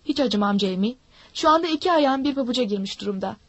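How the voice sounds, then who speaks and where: A woman voicing a sly, menacing old male pirate who coaxes and threatens smoothly. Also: on the high side, expressive, quick pace, no room sound, lo-fi sound. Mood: threatening. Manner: smooth-talking, mocking threats.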